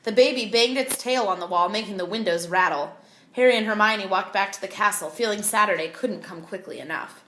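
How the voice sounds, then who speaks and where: A woman reading a children's novel aloud, with expressive, clear storytelling. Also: mid-range voice, fairly quick, echoey room. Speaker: audiobook reader.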